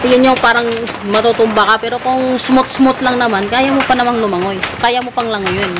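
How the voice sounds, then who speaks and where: A young woman with a fairly high voice chats cheerfully to her viewers, laughing often as she films herself on a phone at arm's length. She is outdoors on a farm, and clear background noise sits under her voice. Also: fairly even intonation, brisk. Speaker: vlogger. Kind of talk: casual vlog chat.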